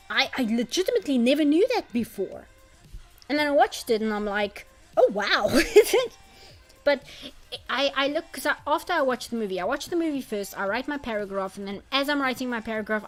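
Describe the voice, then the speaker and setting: Rambling woman chatting on a stream. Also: a little high. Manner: rambling, reads chat comments aloud. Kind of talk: casual chat on an art stream. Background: faint background music.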